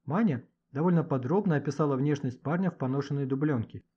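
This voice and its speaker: A man narrating a children's adventure audiobook with animated storytelling. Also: fairly high pitch, quick pace, slightly rough. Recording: dull lo-fi audiobook recording.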